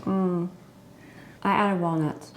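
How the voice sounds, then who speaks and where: A woman's voice: on the low side, fairly even intonation, slow pace, slight background noise. A middle-aged woman hosting her home cooking channel, chatting earnestly and heartfelt to her viewers. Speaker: host. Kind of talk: casual chat to camera.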